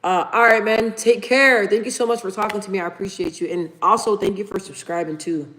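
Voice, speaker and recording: A livestream host in her thirties talks fairly quickly in a steady, mid-range, slightly bright voice. Chatty and casual, she reads out viewer comments and refers to her audience as "you guys."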